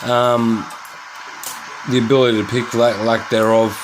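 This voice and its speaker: A man's voice: mid-range voice, little pitch movement, unhurried, over music, low-quality recording. A man casually narrating a lockpicking and electronics demo, rambling and swearing as he thinks aloud indoors at home.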